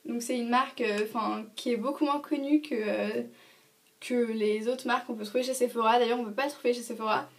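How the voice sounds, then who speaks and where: A woman's voice: fairly high pitch, fairly even intonation, a little fast, far from the mic. Young woman chatting about beauty products. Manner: hesitant, many fillers and restarts. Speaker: beauty vlogger. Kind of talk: casual product review.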